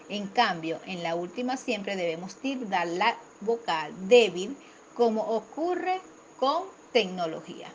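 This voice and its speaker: A woman teacher reading a grammar lesson aloud in a steady, careful way, slowing down for example words. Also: fairly high pitch, slight background noise.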